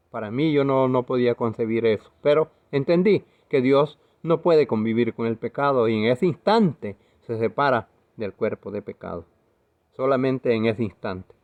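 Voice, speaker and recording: A man's voice: mid-range voice, narrow, tinny audio. A man preaching a video sermon in an earnest, emphatic way, now and then correcting himself.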